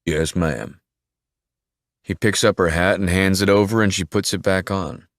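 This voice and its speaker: A man narrating a thriller audiobook in a steady, measured way. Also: sits low, dry recording, studio quality.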